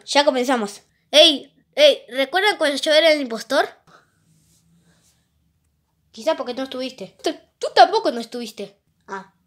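A woman doing playful plush-toy role-play of a video game, jumping quickly between excited, squealing character voices. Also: high-pitched.

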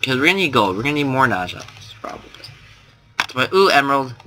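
Speaking quickly with big pitch swings, a young man in a mid-range, bright, forceful voice chats casually about his gameplay. He has a slight lisp and tends to ramble, mocking himself and constantly using fillers and starting over. There's slight background noise.

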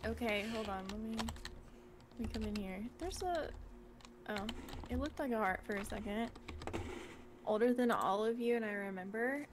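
A woman in her late twenties jokes and teases her co-host while gaming. Her voice sits a little high, and a steady hiss of background noise runs under everything she says. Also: normal speed, pauses often. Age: late 20s. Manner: teasing, joking, deadpan asides. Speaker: co-streamer. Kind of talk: casual gaming stream chat.

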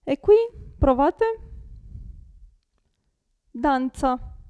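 A young woman with an Italian accent teaching Italian pronunciation, saying each word slowly and carefully and repeating it. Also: high-pitched, expressive, mellow, dry recording, lo-fi sound. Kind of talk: pronunciation lesson.

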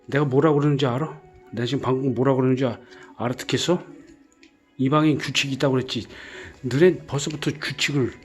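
A man talking casually in a gruff, exasperated way, scolding and sighing, with repeated commands and frequent swearing. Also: mid-range voice, steady tone, a little fast, soft background music. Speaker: vlogger caring for puppies.

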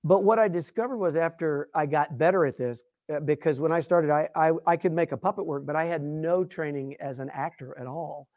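A man's voice: a little high, fairly quick, hardly any pauses, dry recording, studio quality. A middle-aged man, a guest puppeteer, chatting casually in an interview and telling stories animatedly, with frequent restarts. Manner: animated, self-deprecating storyteller with frequent restarts.

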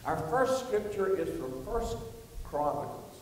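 A man's voice: high-pitched, animated, unhurried. A male pastor preaching a sermon and reading scripture, asking the congregation to answer him. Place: church sanctuary. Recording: echoey church hall, distant mic, faint hiss.

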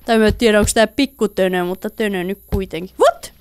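A woman's voice: medium pitch, clean tone, dry recording. A woman giving casual, playful commentary while playing a building game, chatting to the characters on screen. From Finland. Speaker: let's play gamer.

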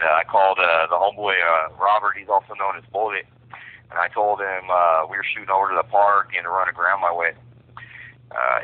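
Low-voiced man over a tinny phone. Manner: halting, many fillers, frank. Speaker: prisoner telling his own story. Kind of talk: personal confession by phone. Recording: tinny prison phone line.

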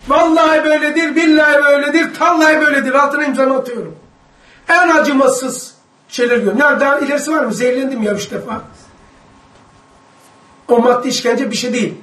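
A man with a strikingly high voice teaches a religious study lesson to a group of students. He reads aloud from a book and comments with emphatic force, at times raising his voice to a shout. He is recorded from a distance in a room with a strong echo. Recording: echoey room, mic far off.

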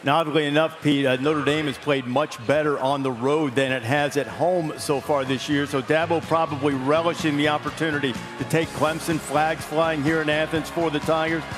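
A man's voice: fairly high pitch, little pitch movement, normal speed, few pauses, music in the background. A man hosting a live sports broadcast, presenting segments and setting up the analysis. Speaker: sports TV host. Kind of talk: live studio-desk hosting. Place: outdoor broadcast desk.

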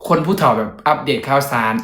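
A man's voice: medium pitch, quick pace, a bit bright, roomy sound. A young man, a singer and vlogger, chatting casually and joking at his own expense in a hotel room. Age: young adult. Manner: chatty, joking, self-deprecating. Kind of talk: casual vlog chat.

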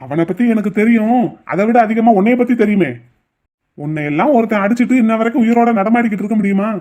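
A man playing a calm father and older brother who reasons patiently in a homemade drama. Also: high voice, natural voice. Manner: patient, measured persuasion.

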